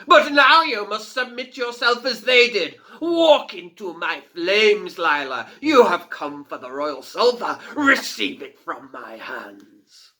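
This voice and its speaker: A man's voice: high voice, very animated, slow pace, hardly any pauses, bright, forceful tone, voice pushed up, heavily acted. A man voicing Razvani, a mocking male fire spirit who roars and laughs in a storybook reading. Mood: commanding.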